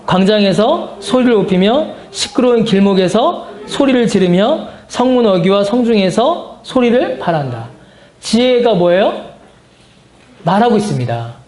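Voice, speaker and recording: High-voiced pastor teaching in an echoey room. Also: male voice, a little mellow. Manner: asks the class questions and answers them himself; repeats key phrases for emphasis. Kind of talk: Bible study teaching. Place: church meeting room.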